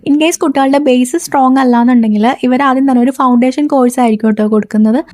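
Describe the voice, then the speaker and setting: A woman vlogger and young mother narrating her day in a chatty voice-over, often tagging a soft "tto" onto her sentences. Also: a little high, dry recording, studio quality.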